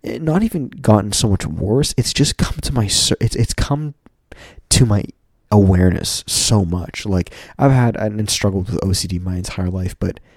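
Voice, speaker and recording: A man's voice: lowish voice, moderate pace, a little mellow, slightly rough, no echo. A man hosting a casual solo podcast, talking in an informal, candid, rambling way to his listeners, with a slightly stuffy nose. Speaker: podcast host.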